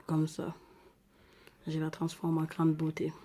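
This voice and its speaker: A woman with an African French accent talks casually through a makeup tutorial, filling pauses with repeated little words and murmuring asides while she works. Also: sits low, monotone, warm tone. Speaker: makeup vlogger.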